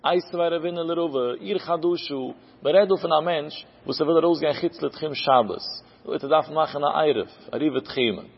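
At a moderate pace, a Talmud teacher lectures step by step, raising questions and answering them himself. His fairly high voice has vocal fry and a breathy edge, and the lo-fi recording echoes with long hall reverb.

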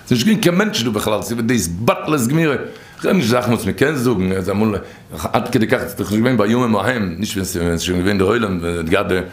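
A man telling stories from religious teachings in an informal, animated way, his voice leaping high and then dropping low. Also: fast. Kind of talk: informal storytelling talk. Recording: echoey room.

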